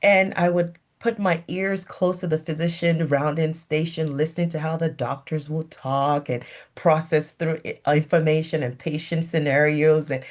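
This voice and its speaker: A woman's voice: low-pitched, fairly even intonation, normal speed. A middle-aged woman with a Nigerian accent, a physician sharing her personal story in a reflective, earnest talk with small restarts.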